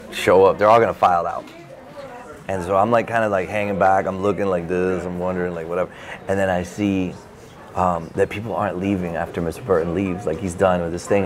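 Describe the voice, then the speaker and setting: A man, an author guest in an interview, telling a personal story in an animated way and acting out his own reactions, with many fillers. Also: low-pitched. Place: bookstore event space.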